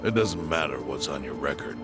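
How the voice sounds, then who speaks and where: Over loud music, a rumbling low voice plays an older chairman in an English-dubbed video game. The character is calm and calculating, gravelly and measured, and he persuades calmly while stating things with dry bluntness.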